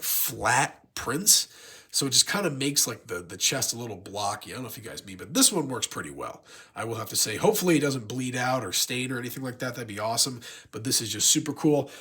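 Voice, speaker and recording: Male unboxing reviewer, congested and sick, husky, blocked-nose sound, chatty rambling fan enthusiasm. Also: medium pitch, fairly bright tone. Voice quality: congested, stuffy-nosed. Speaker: YouTube toy collector and reviewer.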